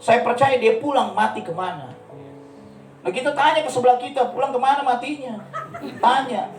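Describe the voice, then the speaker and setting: A man preaching a sermon, telling stories with lively acted-out quotes. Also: very high-pitched, normal speed, echoey room, distant mic, soft background music, rough recording. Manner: animated storytelling, acts out quotes. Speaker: pastor. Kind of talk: sermon with storytelling. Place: church.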